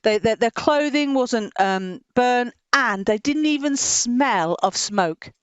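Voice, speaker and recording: A woman presenting a children's program, telling a Bible story in a lively way and laughing often. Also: a little high, slow, smooth, no echo.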